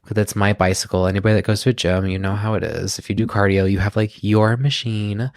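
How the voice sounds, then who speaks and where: A man's voice: fairly low pitch, fairly even intonation, fast talker, a little mellow, dry recording, clean studio sound. An American man co-hosting a podcast, chatting casually and joking, rambling with plenty of fillers. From United States. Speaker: podcast co-host. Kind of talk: casual chat.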